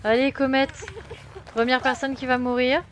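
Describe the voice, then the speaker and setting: Her voice is high and steady at an ordinary pace, with a little background noise. This young woman from France speaks with a French accent, chatting and muttering to herself in self-mocking, casual commentary while game music plays.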